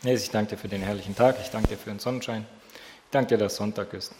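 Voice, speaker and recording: In a reverberant church hall, a man with a slight cold leads prayer and an interactive Bible study, quizzing the group with questions. His voice sits on the low side, with fairly even intonation and a fast pace, over a noisy background.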